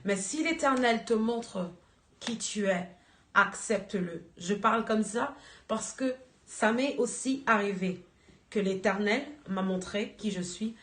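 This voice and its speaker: A woman giving an earnest church exhortation, slow and searching for words. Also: mid-range voice. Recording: echoey room.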